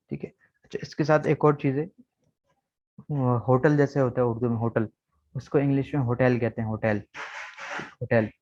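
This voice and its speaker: A man's voice: medium pitch, a little mellow. A man who teaches English in an online class, patiently spelling words letter by letter and repeating them. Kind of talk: online lesson. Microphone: video call. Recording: slightly dull video-call audio.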